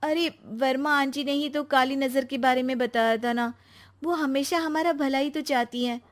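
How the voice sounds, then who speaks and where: A woman voicing an earnest, trusting young wife in an animated story, quick to protest. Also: sits high, pitched above the performer's own voice, lightly acted.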